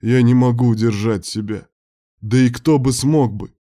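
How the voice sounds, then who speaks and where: A man's voice: mid-range voice, moderate pace, mellow, natural voice. Man doing a whiny, coquettish young man. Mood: whiny pleading. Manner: whiny, wheedling. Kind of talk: audiobook character reading.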